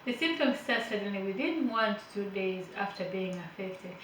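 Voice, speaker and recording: A care worker from Uganda gives an informal health lesson, reading notes aloud and explaining them with hesitant fillers and light, chatty asides; English isn't her first language, and Finnish is her third. Her mid-range voice is animated at a normal speed. The room is echoey, she's a bit far from the mic, and there's slight background noise.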